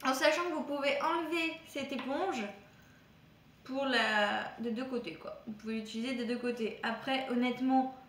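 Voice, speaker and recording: A woman's voice: high voice, normal speed, a bit bright, reverberant. A woman vlogger casually reviewing products from a shopping haul, chatty and hesitant, with frequent fillers and restarts. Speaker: beauty vlogger.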